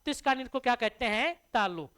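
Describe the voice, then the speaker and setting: A woman's voice: on the high side, expressive, a little fast, a bit bright, smooth. A woman teaching a classroom grammar lesson, asking the class questions and answering them herself to drill the terms. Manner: addresses listeners as dear children.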